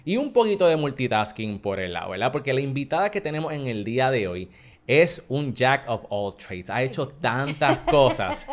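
Animated podcast host man. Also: medium pitch, normal speed. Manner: animated, laughs often. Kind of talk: lively podcast interview and ad read.

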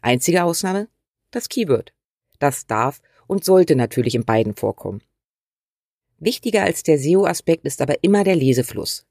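A woman's voice: low voice, expressive, normal speed, darkish tone, no room sound, clean studio sound. A woman hosting a scripted writing tutorial, talking straight to the viewer in a direct, instructive way. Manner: direct and instructive, uses imperatives. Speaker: writing coach and channel host.

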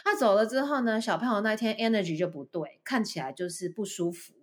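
A woman with a Taiwanese Mandarin accent, chatting casually on a podcast and telling stories as a teacher, acting out the parents she quotes. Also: a little fast. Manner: animated storytelling, acting out a parent in a high voice. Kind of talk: casual chat, storytelling.

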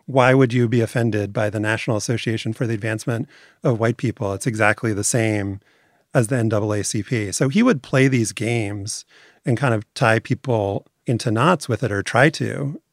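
A man's voice: fairly low pitch, moderate pace, no room sound. Articulate man explaining, dry sound. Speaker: documentary series maker as guest. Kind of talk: conversational interview.

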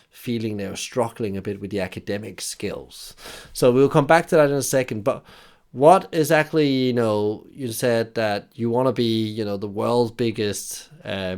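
A man's voice: on the low side, darkish tone. Danish man interviewing with many restarts. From Denmark. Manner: hesitant, many restarts and fillers. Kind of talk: business podcast interview.

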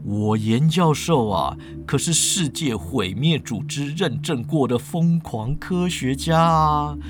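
A storyteller voicing a smug mad-scientist professor with a slow, sarcastic drawl. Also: medium pitch.

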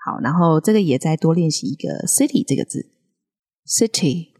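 A woman co-hosting a casual podcast lesson, modelling English words slowly between frequent laughs. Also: deep voice, expressive, darkish tone, slightly rough. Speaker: podcast co-host teaching English accents. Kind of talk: casual language-lesson chat.

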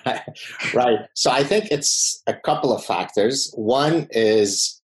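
As a podcast guest, a middle-aged professor from the Middle East, a native Arabic speaker, responds to the interviewer with confidence, combativeness, and wry humor. He talks slowly in a mid-range voice.

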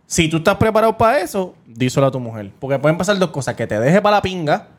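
A man's voice: fairly high pitch, big pitch swings, fast. A man on a casual podcast, giving blunt, earnest advice full of slang.

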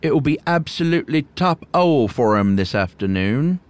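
A man voicing a reclusive male hermit who speaks in a clipped, old-fashioned, slightly nervous gentleman's manner. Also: a little high, expressive, normal speed, voice pushed up, natural voice. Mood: offhand chummy.

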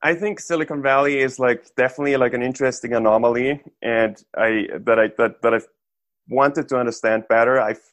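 A man from Austria talks through ideas as an interview guest. His pitch sits in a plain middle range, and he often restarts and fills gaps with "like". The sound is close and dry. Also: fairly even intonation, brisk, a bit bright, dry recording. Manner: thoughtful, frequent restarts and "like" fillers. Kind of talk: casual interview talk.

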